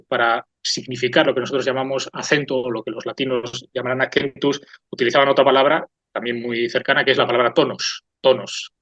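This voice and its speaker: A man's voice: mid-range voice, a bit bright, no room sound. A man hosting a talk program, giving an unscripted, thoughtful and digressive lecture that often checks in with the listener. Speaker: host of a cultural talk program. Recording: slightly dull, dry lo-fi recording.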